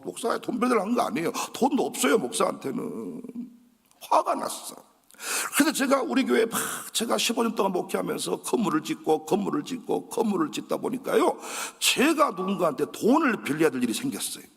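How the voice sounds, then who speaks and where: A middle-aged pastor with a Jeolla accent, preaching an animated storytelling sermon and acting out conversations in different voices. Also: male voice, sits high, fairly quick, gravelly, slightly rough. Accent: Jeolla Korean. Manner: dramatic, acts out dialogue in shifting voices. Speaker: guest pastor. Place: large church sanctuary. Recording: echoey church hall.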